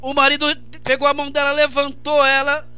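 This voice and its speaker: High, bright-voiced Brazilian pastor preaching. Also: male voice, monotone, a little fast, no echo. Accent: Brazilian Portuguese. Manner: impassioned preaching with shouted repetitions. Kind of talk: radio sermon.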